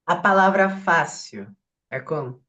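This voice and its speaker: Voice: medium pitch, animated, measured pace, bright, forceful tone. A student asking short, curious questions in a sign language lesson.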